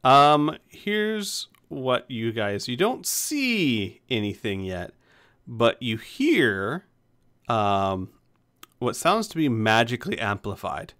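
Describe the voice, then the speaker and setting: A man with a bright, forward voice runs a tabletop game as game master. His pitch moves around in an animated way as he shifts between casual table talk and narration. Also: slow.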